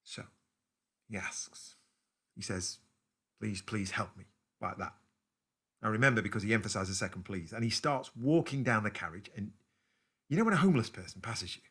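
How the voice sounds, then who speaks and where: A man's voice: lowish voice, animated, brisk, pauses often, a bit bright, breathy edge. An actor playing a man with a London accent who tells his partner a story in a rambling, distracted way in a naturalistic stage drama. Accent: London English. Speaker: actor in a two-hander play.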